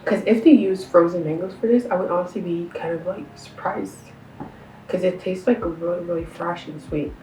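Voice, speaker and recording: A woman's voice: on the low side, moderate pace, mellow, slight background noise. Chatty young woman vlogging, roomy sound. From Canada. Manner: chatty and enthusiastic, with many fillers and slang. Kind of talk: casual food-tasting vlog. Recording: roomy sound, a bit far from the mic.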